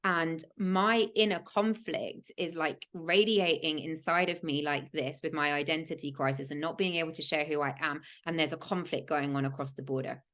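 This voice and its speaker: Hosting a spiritual podcast livestream, this Englishwoman tells a personal story earnestly and emphatically, sprinkling in lots of "like." Her voice sits low with a fairly bright tone and fairly even intonation, moving at normal speed with few pauses.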